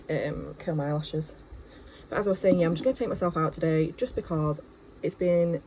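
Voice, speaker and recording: Chatting to her phone at home, first in the kitchen and then her bedroom, a young Yorkshire vlogger rambles, fills her speech with fillers and makes self-deprecating jokes. She has a deep, dark-toned voice, captured in a rough recording with a little hiss or hum.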